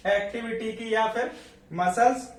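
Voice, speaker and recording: In an echoey room, recorded from a distance, a man teaches nursing as a lecture. His voice is very high-pitched and a little slow, and he asks questions only to answer them himself.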